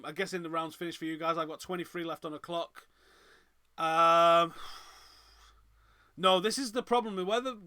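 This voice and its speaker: A man's voice: on the high side, smooth. A man with a Manchester accent hosting a live fight watchalong, giving chatty reaction commentary and reading out viewer comments. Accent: Northern English, Manchester. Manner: chatty, reads out viewer comments, gets loud and excited at big moments.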